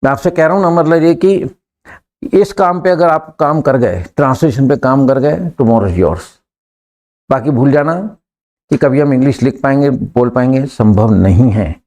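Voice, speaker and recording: A man's voice: medium pitch, normal speed, darkish tone. A man with an Indian accent teaching an English class live, repeating prompts and urging his students to hurry and answer.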